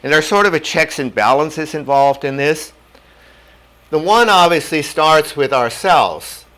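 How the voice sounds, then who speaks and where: An older North Dakota man, German his first language, lectures on medical ethics at a whiteboard in an indoor classroom, recorded on a lapel mic. His voice is fairly high and fairly bright. He teaches in a measured, plain-spoken way, leaning on homely examples.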